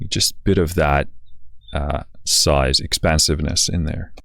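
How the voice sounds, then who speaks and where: A very tired man giving a casual music software walkthrough, speaking haltingly with slightly slurred words. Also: very deep voice, fairly even intonation, creaky, very noisy.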